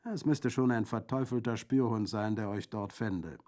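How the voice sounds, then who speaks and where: For this audiobook role, a man uses a warm, lowish, natural-sounding voice at a steady, moderate pace. He portrays a rowdy Corsican bandit who is cheerful, loud and darkly mocking, pressing others on with a wry edge.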